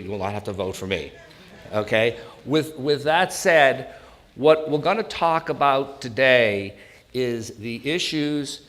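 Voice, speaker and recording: Speaking in a medium-pitched, slightly bright voice, this New England-accented presenter in his sixties is an elder law attorney. He gives an informal live talk, joking and bantering with his audience.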